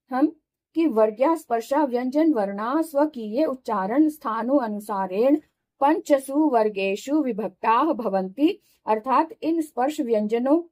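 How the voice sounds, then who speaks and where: A woman teacher walks through a grammar lesson at an unhurried pace. She pauses to sound out each syllable slowly and clearly. Her voice sits slightly high but stays soft and mellow. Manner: patient, slow syllable-by-syllable demonstration. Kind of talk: Sanskrit grammar lesson explained in Hindi.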